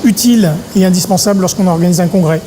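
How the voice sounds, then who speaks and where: A middle-aged man from Paris, an event organizer talking in an interview, pausing often on filler sounds. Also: sits high, warm tone, slight background noise. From Paris, France. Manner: hesitant, many filler sounds. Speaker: congress organizer. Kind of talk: interview monologue.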